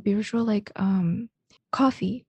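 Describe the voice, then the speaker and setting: A woman's voice: mid-range voice, slow pace, a little mellow, slightly rough, no room sound. A woman hosting a radio English lesson, explaining patiently while switching between Mandarin and English. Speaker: English teacher and radio host. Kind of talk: bilingual radio lesson chat.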